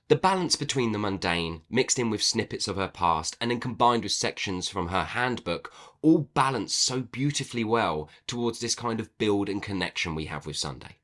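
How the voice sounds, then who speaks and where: A man giving a casual book review to the camera, animated and playful, with self-mocking asides. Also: on the low side.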